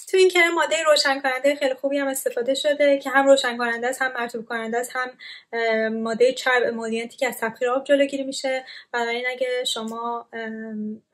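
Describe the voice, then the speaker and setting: A woman's voice: sits high, a bit bright. A young woman giving a casual, explanatory skincare product review with frequent filler sounds. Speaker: skincare content creator.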